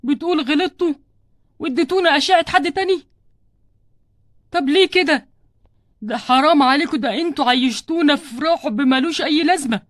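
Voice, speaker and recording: A woman's voice: high voice, fast talker, dry recording, clean studio sound, natural voice. A woman voicing an adult man doll who frets over his sick wife, speaking Egyptian Arabic with pleading, repeated words. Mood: indignant. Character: worried devoted husband doll, adult man. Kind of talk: doll play storytelling.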